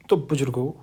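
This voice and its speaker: A man runs an English grammar lesson in Hindi, joking with his students and calling them pet names. He stretches out example words slowly for pronunciation practice, and his English carries a Hindi accent. His voice sits at an ordinary middle pitch for a man. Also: gravelly, mellow, a little hiss or hum. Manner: playful, teasing, calls students "buzurgon" and "bhaiya ji".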